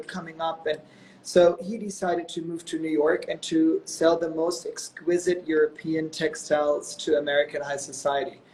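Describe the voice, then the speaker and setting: A German company executive in his thirties tells stories as a guest on a live video call, chatty and full of "you know" and "um." His voice is fairly high and a little mellow. The recording is rough with slight background noise.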